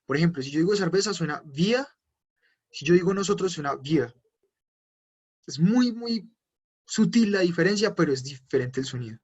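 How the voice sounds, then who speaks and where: A man teaching an online language class, patiently repeating words slowly for his students. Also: a little high, lively intonation, a little mellow, breathy edge, muffled recording. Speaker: German teacher.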